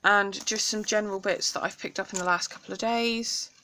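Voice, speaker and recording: A young British woman talks through her craft haul at home in a casual, chatty way, full of enthusiasm and little ums. Her voice sits at an ordinary, middle pitch. A faint hiss of background noise runs under the recording. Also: steady tone, brisk, sharp tone. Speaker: craft vlogger.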